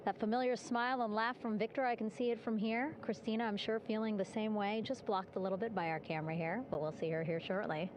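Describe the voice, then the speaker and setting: Woman narrating a live broadcast, cheery and chatty, mid pitch, steady noise behind. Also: fast, hardly any pauses. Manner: upbeat, chatty, warm-hearted narration with light laughs. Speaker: broadcast commentator. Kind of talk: live event commentary.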